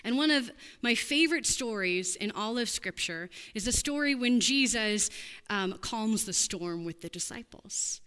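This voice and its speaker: Woman pastor, earnest and conversational from the pulpit, fairly high voice, church reverb. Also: animated, unhurried, a bit bright, clean tone. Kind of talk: sermon.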